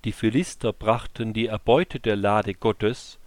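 Slow, measured male scripture reader. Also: fairly low pitch, steady tone, no echo. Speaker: Bible reader.

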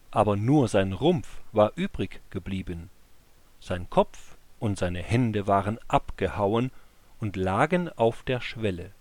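A man reading a scripture passage aloud as scripted narration, with a measured, even delivery. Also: lowish voice, no room sound. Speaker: Bible reader.

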